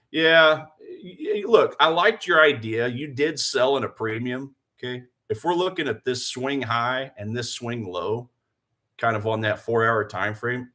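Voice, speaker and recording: The host of this live trading stream is a man in his forties with a medium-pitched, slightly bright voice. Delivering motivational chat and trading commentary, he is earnest and fired up, and he repeats phrases for emphasis while putting rhetorical questions to viewers.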